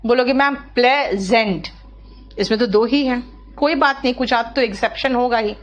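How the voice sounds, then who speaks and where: Her voice is a little high, and the recording has its highs cut off. Teaching grammar, she goes slowly, drawing out each word syllable by syllable, and keeps questioning students to check their understanding.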